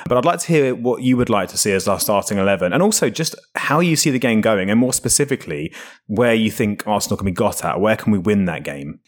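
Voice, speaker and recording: A man's voice: on the low side, expressive, fast. A man in his thirties co-hosting a casual chat, agreeable and steering the talk with questions. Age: 30s. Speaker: podcast co-host.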